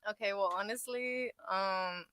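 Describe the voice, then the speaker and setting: A woman's voice: mid-range voice, measured pace, bright, forceful tone, smooth, no echo, clean studio sound. A woman in her twenties, a dating show contestant, chatting candidly and laughing often. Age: 20s. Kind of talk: casual chat.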